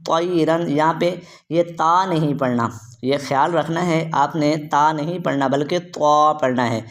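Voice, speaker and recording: Man drilling recitation syllable by syllable. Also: on the high side. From Pakistan. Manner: drills by asking how it is read, then answering; drawn-out melodic recitation of verses. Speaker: Quran recitation teacher. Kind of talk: tajweed lesson, spelling out syllables.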